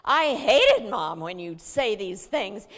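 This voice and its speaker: A woman's voice: very high voice, huge pitch swings, slow pace, a bit bright, pitched above the performer's own voice, exaggerated voice. A woman voicing an angry sixteen-year-old girl who protests in a raised, whiny voice. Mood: indignant. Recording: long hall reverb.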